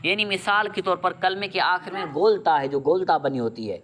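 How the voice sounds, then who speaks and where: A man's voice: high voice, fairly bright tone. A man teaching Quran reading, stating a rule, asking his pupils what to do, and repeating their answers back. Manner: asks a question after each rule and repeats the answer. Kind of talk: drilling lesson with call-and-response questions.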